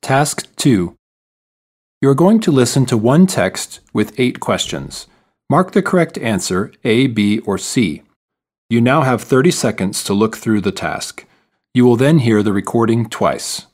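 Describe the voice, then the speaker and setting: A man reading texts and task instructions for a listening exam in a measured, formal way. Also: medium pitch, animated, darkish tone. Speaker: exam narrator. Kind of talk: scripted narration for a listening test.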